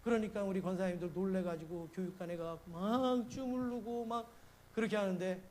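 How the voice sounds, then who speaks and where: A middle-aged man preaching a sermon as a pastor, telling stories and acting out his panic in sudden loud bursts. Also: high-pitched, brisk, a little hiss or hum. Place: church sanctuary.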